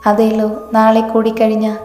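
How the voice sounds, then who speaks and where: A man's voice: sits high, monotone, moderate pace, darkish tone, soft background music, natural voice. A woman doing a smug scheming groom. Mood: gloating. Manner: gloating, sweet-talking. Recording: echoey room with long reverb.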